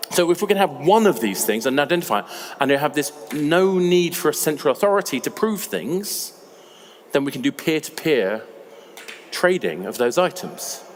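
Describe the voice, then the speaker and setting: Man giving a talk in a hall. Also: on the high side. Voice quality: slightly raspy. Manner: conversational, emphatic, with fillers. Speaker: conference speaker. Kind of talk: conference talk. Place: large conference hall. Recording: reverberant hall with faint ambience.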